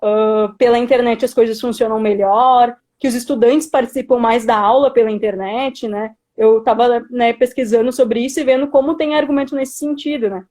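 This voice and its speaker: Speaking in a fairly high, mellow voice with fairly even intonation, a young Brazilian-accented student activist gives casual political commentary. Earnest and hesitant, she stops to search for words and frequently asks for agreement with little tag questions.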